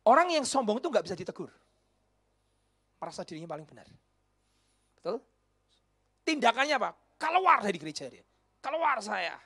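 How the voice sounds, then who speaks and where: A man, a pastor preaching a sermon and telling a story. He drops to a whisper when quoting people and rises to loud exclamations. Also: high voice, very animated, brisk, long pauses, breathy edge. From Indonesia. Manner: mixes in Javanese words. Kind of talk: sermon with acted-out dialogue.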